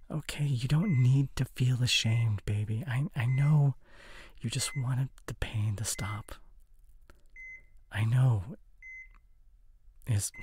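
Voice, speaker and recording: A man playing a gentle, devoted boyfriend in an intimate audio role-play, speaking in a soft, breathy, soothing bedside voice. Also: medium pitch, slight background noise, natural voice.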